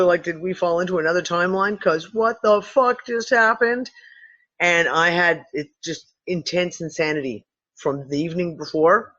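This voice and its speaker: A host chatting casually on a livestream, rambling and swearing as she tells animated stories. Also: on the low side, dull audio. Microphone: computer mic on a video call.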